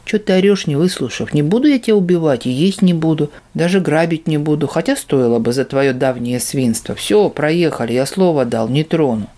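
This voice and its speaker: A man voicing a cocky, brash male monkey demon who talks in rough slang. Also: a little high, expressive, fairly quick, hardly any pauses, mellow, natural voice. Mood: grumbling. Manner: cheeky, swaggering, rough slang.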